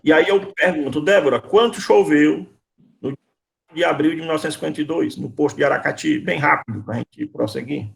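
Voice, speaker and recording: A man's voice: a little high, a little fast, vocal fry. A man teaching a university class over a video call. He quizzes his students, calls on them by name and repeats his questions patiently. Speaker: university lecturer.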